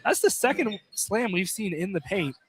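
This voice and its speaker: With a high, expressive voice at a moderate pace, a man handles live play-by-play for a college basketball radio broadcast, calling players by number in short, clipped phrases. He's courtside in an indoor field house, and the gymnasium noise comes through clearly.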